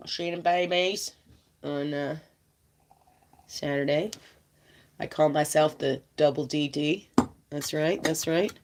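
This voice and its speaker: A woman with a low, congested voice, nasal and stuffy, talks loosely on a livestream about spiritual guidance, laughing as she rambles. Her vlog has slight background noise.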